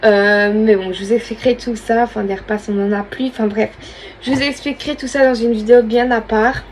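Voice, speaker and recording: A woman's voice: fairly high pitch, fairly even intonation, brisk, a little hiss or hum, poor audio. A young woman, chatting casually through a makeup tutorial and thinking aloud as she works. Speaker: beauty vlogger.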